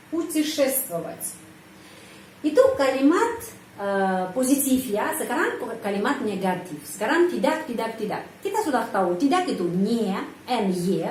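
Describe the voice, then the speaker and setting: A woman teaching Russian grammar, explaining with slow, careful example sentences. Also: a little high, darkish tone, a little hiss or hum. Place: indoors, dog heard outside. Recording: roomy sound, from the mic, faint background ambience.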